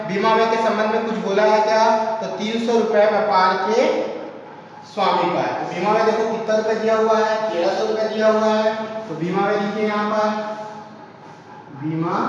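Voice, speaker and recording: A man's voice: high voice, fairly bright tone. A male commerce teacher giving a classroom lecture. He asks his students questions and answers them himself, repeating each figure as he writes it. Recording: echoey room from far off, dull and a little noisy.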